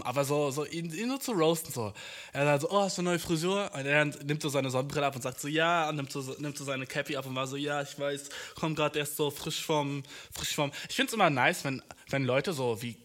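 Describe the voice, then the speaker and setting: A young man rambles through a casual podcast monologue, leaning on slang and endless fillers. His voice sits a bit high for a man. He keeps circling back with "Dude" as he talks straight to the listener. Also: fairly bright tone.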